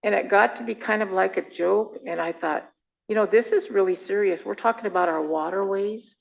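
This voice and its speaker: Gravelly-voiced woman on a council. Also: mid-range voice, brisk, lo-fi sound. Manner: earnest, rambling, conversational. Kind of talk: remarks at a council meeting.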